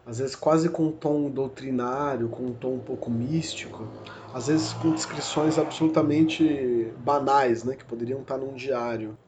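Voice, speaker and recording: A man with a Brazilian Portuguese accent delivers a recorded university lecture on literature for a podcast, his medium-pitched voice steady and unhurried. His manner is reflective and exploratory, full of fillers and self-corrections. Background noise can be heard.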